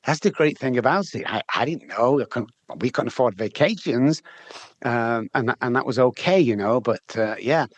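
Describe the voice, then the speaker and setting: A middle-aged Englishman with a Manchester accent, a guest who works as an addiction recovery specialist, tells his story candidly in an interview. His medium-pitched voice has lively intonation and a normal pace, and he's chatty, often repeating words as he restarts. There's no room sound.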